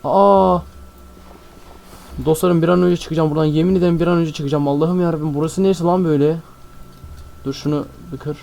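A young man host commentating a game, excitable and jumpy, constantly talking to his viewers. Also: fairly high pitch, quick pace, gravelly. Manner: excitable, jumpy, keeps addressing viewers as friends. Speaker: gaming channel host. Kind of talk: Minecraft let's-play commentary. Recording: faint background music.

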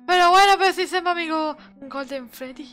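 A woman's voice: extremely high pitch, moderate pace, a bit bright, soft background music. A woman with a Spanish accent from Spain giving casual, playful and exclamatory commentary on a video game. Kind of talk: casual gaming commentary with jokey line readings.

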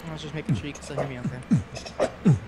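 A man's voice: mid-range voice, fairly even intonation, a little fast, vocal fry, over a noisy crowd. A man co-hosting a podcast, cracking crude jokes in a casual group call. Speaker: podcast co-host. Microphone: computer mic on a group call.

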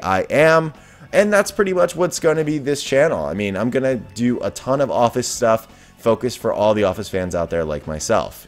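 A young man chatting enthusiastically as a YouTuber about a favorite TV show. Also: on the low side. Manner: enthusiastic, chatty fan talk. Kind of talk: casual video commentary.

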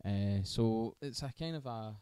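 A man's voice: on the low side, expressive, unhurried, mellow, clean tone, no room sound. A man co-hosting a podcast, telling the story in a laid-back, blunt way with casual swearing. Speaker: podcast co-host. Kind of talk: casual review chat.

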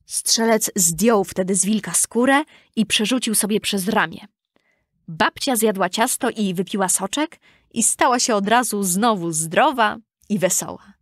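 A woman reading a children's storybook aloud in a calm, even storytelling manner. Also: mid-range voice, measured pace, dry recording, studio quality. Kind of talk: scripted storybook narration.

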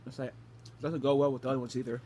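In a small bedroom, a young adult vlogger hosts a taste challenge, talking casually to his phone camera held at arm's length while eating gross jelly beans. His ordinary middle-pitched voice is warm, very fast and fairly flat in pitch. Faint noise sits under the home recording.

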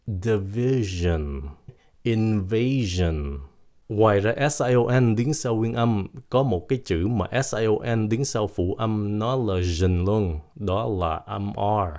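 A young man teaches English pronunciation in a relaxed, chatty video lesson. His voice sits fairly low, and he jokes and reassures his viewers, stretching example words out slowly and clearly.

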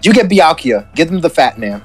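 A young woman chatting loudly and crudely with friends while playing a video game, laughing often. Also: low voice, very animated, brisk, faint music behind. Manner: loud, giggly and crude, joking with friends. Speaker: let's play gamer.

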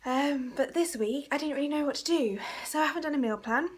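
A young woman from England chats casually through a grocery haul vlog, laughing lightly between items. She films on a phone held at arm's length in a living room, and her high-pitched voice is a little fast.

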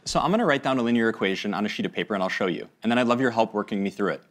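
A man's voice: on the low side, expressive, very fast. A man presenting a live demo in a friendly, casual way.

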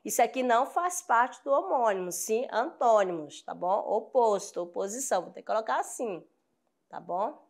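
A woman's voice: on the high side, expressive, normal speed. A woman with a Brazilian accent teaching a grammar lesson, patiently repeating examples and often checking that her students follow. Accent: Brazilian Portuguese. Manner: addresses students affectionately.

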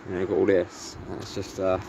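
A young man from England with an English accent, chatting casually in a low-key, musing way as he films a vlog outdoors. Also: monotone, fast, gravelly. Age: young adult. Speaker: vlogger. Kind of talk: casual rambling vlog chat. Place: outdoors on an open hillside temple ground. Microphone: camera at arm's length or propped nearby. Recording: muffled outdoor camera audio, ambient noise.

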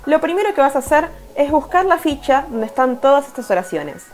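A woman's voice: sits high, big pitch swings, a little fast, faint music behind. A woman with a Rioplatense Spanish accent who teaches English in an online lesson. She explains step by step, reading each English sentence and then translating it.

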